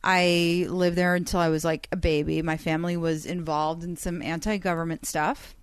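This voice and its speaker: Soft-spoken low-voiced woman, dry mic. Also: little pitch movement, normal speed, smooth, dry recording. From Iran. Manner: soft-spoken, hesitant, many restarts. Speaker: podcast guest, comedian and psychic reader. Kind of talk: casual podcast chat.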